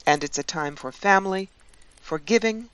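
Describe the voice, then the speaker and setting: A woman hosting her channel and leading a guided meditation in a calm, soothing voice. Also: mid-range voice, clear, resonant tone. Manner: slow, calm, soothing delivery with long pauses.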